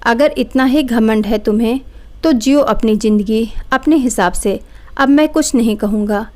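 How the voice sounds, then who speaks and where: A woman's voice: fairly high pitch, normal speed, darkish tone, close to an everyday voice. A woman voicing a weary, stern older father who speaks in a resigned way.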